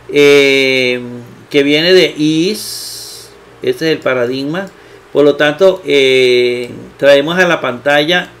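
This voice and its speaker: A man walks through a grammar lesson in a slightly raised voice. He talks unhurriedly, repeating key terms, filling pauses with hesitations and checking in with rhetorical questions. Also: on the high side, a bit bright. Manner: slow, repetitive, with many fillers and rhetorical questions. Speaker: Bible teacher.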